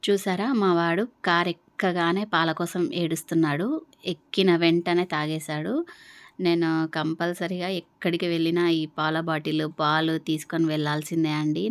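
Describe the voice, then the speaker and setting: A woman's voice: on the low side, steady tone, moderate pace, no room sound. A young adult woman narrating her vlog in a chatty way, with many fillers. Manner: conversational, uses many fillers. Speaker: vlogger.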